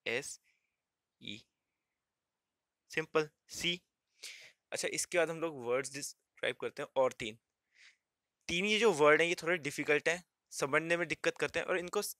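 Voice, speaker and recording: A man's voice: a little high, sharp tone. A male shorthand teacher giving a step-by-step tutorial, spelling words letter by letter and repeating "simple" and "okay".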